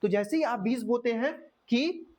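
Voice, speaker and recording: A woman's voice: a little high, moderate pace, a little mellow. Woman, motivational coach, asks and answers her own questions. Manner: asks listeners questions and answers them herself; calls listeners "dear my champion". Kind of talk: motivational lesson.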